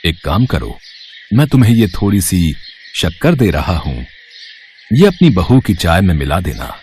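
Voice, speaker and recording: A man voicing a wise old holy man in a cartoon, speaking in slow, solemn pronouncements. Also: deep voice, very animated, a little mellow, a little hiss or hum. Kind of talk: cartoon voice acting.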